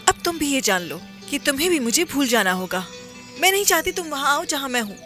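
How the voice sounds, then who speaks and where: A woman's voice: high-pitched, big pitch swings, fairly quick, bright, forceful tone, soft background music, exaggerated voice. A woman dubbing a film role, a proud young woman who speaks in a curt, dismissive, defiant way. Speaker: dub actress.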